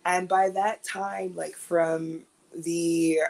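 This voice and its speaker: A woman, a guest recording artist, telling animated stories in a casual interview and laughing often. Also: on the low side, very slow, vocal fry.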